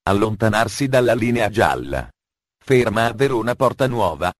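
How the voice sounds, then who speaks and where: A man reading a train station announcement over a loudspeaker in a formal announcer manner. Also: lowish voice, very animated, normal speed, no room sound.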